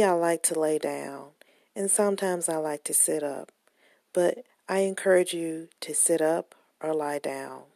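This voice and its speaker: A woman guides a relaxation meditation at a very slow pace, in a lowish, mellow voice. Her delivery is soft, gentle and soothing, with a breathy, husky grain. She sounds close to the microphone in a dry space. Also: no echo. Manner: soothing, gentle, unhurried instruction.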